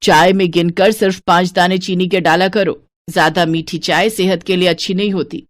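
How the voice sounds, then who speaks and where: A woman's voice: fairly low pitch, fairly even intonation, normal speed, no echo, studio quality, lightly acted. A woman voicing a stingy scolding mother-in-law. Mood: bossy. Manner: scolding, penny-pinching. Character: stingy, scheming middle-aged mother-in-law.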